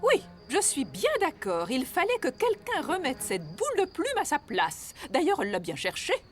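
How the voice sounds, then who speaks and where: A disapproving, haughty cartoon townsperson. The voice is high and swings very widely in pitch, with faint music behind. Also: female voice, wildly swooping pitch, normal speed. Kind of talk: French children's cartoon dubbing.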